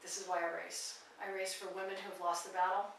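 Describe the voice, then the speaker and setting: A woman's voice: on the low side, flat delivery, fast talker, fairly bright tone. A woman in her forties, a radio guest making an earnest, urgent appeal in a passionate way. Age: 40s. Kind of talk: impassioned awareness appeal. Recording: echoey room from far off, faint noise.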